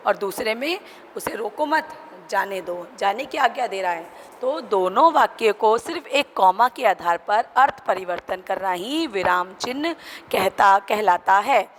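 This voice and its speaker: A woman teacher giving a school grammar lesson and repeating her examples as she explains them step by step. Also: fairly high pitch. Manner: explains slowly, repeats examples, asks students questions. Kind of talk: online class lesson. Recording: clear background noise.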